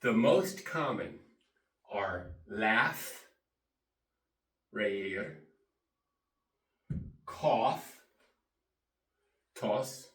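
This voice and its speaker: A man teaching English pronunciation in a deliberate way, repeating and spelling words and giving Spanish translations, recorded in an echoey room. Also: lowish voice, lively intonation, a bit bright. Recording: echoey room, distant microphone.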